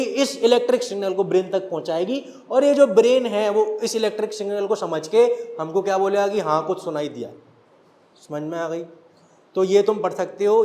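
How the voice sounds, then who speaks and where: Male teacher, very high voice, echoey classroom sound, asks and answers his own questions. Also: darkish tone. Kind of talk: classroom lecture.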